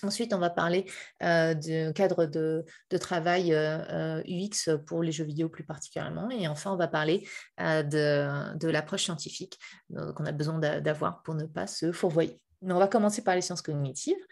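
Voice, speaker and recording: Middle-aged woman from Paris, lowish voice, halting explainer on a video call from a hotel room. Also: steady tone, gravelly, darkish tone. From Paris, France. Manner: hesitant, many fillers and restarts, light laughs. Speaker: guest speaker on game user experience. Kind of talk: public video-conference talk.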